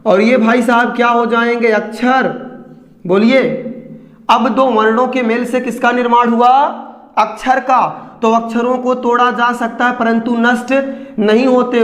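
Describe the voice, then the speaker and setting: A man's voice: very high voice, a bit bright. A man teaching a Hindi grammar lesson, putting questions to his students and then answering them himself. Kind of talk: classroom lecture. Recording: echoey room with long reverb.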